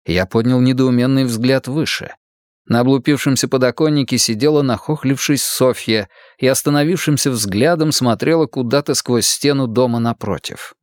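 A man narrating a first-person novel in an expressive, storytelling manner. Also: medium pitch, moderate pace, no echo, clean studio sound. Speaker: audiobook narrator.

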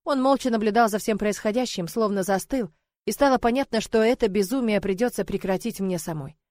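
A woman narrating a first-person novel in an emotional, measured way. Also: medium pitch, a little mellow, no echo, clean studio sound. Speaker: audiobook narrator.

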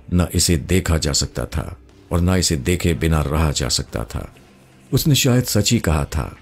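A man narrating a novel in the first person in a measured, brooding way, with faint music behind. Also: deep voice, darkish tone.

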